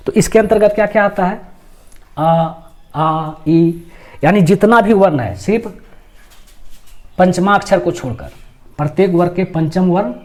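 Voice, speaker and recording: A man with a fairly high voice teaches a grammar lesson. He explains each step, comes back to each point, and poses questions that he then answers. He draws out letters and sample words slowly to show how they should sound. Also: darkish tone.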